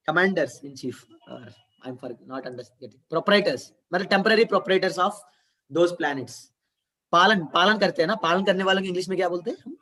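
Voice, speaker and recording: A man's voice: on the high side, a bit bright, recorded from a distance. A man with an Indian English accent teaching a Gita class to children online, explaining patiently and having them repeat verses.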